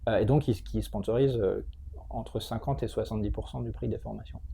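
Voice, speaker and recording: A man's voice: lowish voice, fairly even intonation, brisk, vocal fry, noisy background. A man answering interview questions in a conversational, explanatory way, hesitating and repeating words as he searches for the next one. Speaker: interview guest, tech training school entrepreneur.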